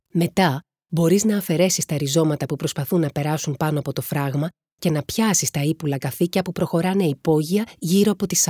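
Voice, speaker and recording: Female narrator voicing a composed, level-headed man; measured, soothing, low and husky. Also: dark tone, no room sound, studio quality. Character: calm reasonable man, patient brother.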